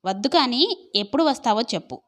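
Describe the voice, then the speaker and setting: A woman voicing a shy, cheerful young woman in love who speaks brightly and playfully in an audio story. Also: fairly high pitch, lively intonation, quick pace, close to an everyday voice.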